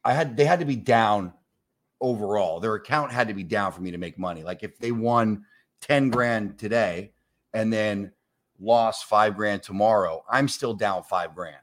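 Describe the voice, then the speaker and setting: Lowish-voiced and speaking at a moderate pace, this talk-show guest in his forties relates a long story in relaxed conversation. He is an animated teller who curses freely and plays both parts of the dialogue.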